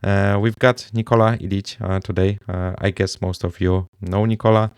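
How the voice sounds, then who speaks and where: A man hosts a podcast interview, talking in a low, gravelly voice. He speaks haltingly, with many fillers. His voice sounds dry and close. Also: level tone, a little mellow, dry recording. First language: Polish. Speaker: podcast host. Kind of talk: casual interview hosting.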